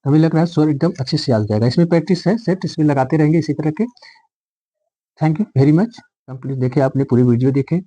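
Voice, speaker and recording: A male teacher with a very dark, mellow tone set a touch above the usual man's pitch. He drills his viewers through a grammar lesson, repeating key points and putting questions back to them. The recording is dry and close. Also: fast, dry recording.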